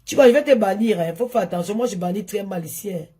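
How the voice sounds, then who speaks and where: A social media influencer streams live from home on her phone, chatting with followers, holding items up to the camera and scolding viewers who comment. Her voice is mid-range and mellow, and she speaks quickly.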